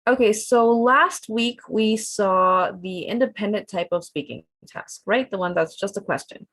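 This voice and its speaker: A woman's voice: medium pitch, unhurried, no echo. A woman teaching an online test-prep class, explaining tasks in a chatty mix of English and Spanish over a video call. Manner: relaxed, chatty, switches between English and Spanish.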